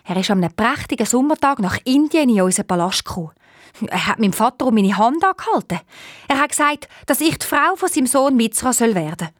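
A woman with a Swiss German accent voicing a sorrowful young princess who was turned into an owl, speaking in a hoarse voice. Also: a little high, very animated, quick pace, no echo, studio quality. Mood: plaintive.

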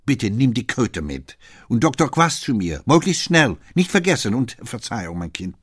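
A brusque, preoccupied old director who fumbles his grammatical articles, as a male reader puts him on. His voice is deep and husky, recorded close and dry. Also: expressive, normal speed, no room sound, full character voice. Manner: brusque, muddles German articles. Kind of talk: audiobook reading.

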